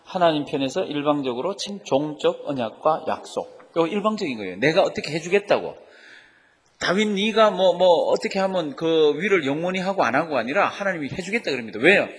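A pastor delivers a Bible-teaching sermon, frequently asking the congregation questions. His voice is a little high and husky, with lively intonation and a slightly quick pace, and a long hall reverb surrounds it.

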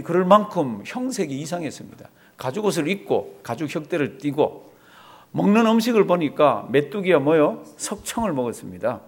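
A man's voice: on the high side, a little mellow. A male pastor preaching a sermon, asking the congregation rhetorical questions and acting out short prayers.

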